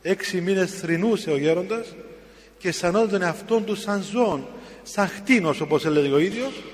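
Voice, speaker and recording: A middle-aged man, a priest, telling a story in a sermon, slow and grave with sudden emphatic rises. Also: high voice. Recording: long hall reverb.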